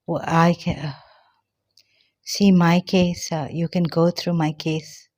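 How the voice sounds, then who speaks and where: An older woman from Pakistan talks slowly and haltingly, with many fillers and pauses along the way. Her voice sits low, and she sounds a little out of breath. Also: little pitch movement, a little mellow. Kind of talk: personal testimony monologue.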